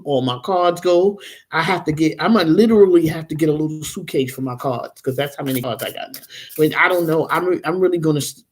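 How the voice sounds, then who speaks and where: A woman's voice: deep voice, slight background noise. Woman, 40s, tarot reader, casual rambling livestream host, addresses viewers directly.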